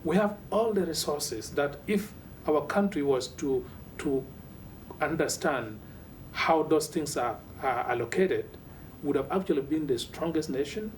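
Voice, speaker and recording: A man, speaking earnestly and in a measured way in a documentary interview. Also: expressive. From South Sudan. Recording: distant mic with faint low rumble.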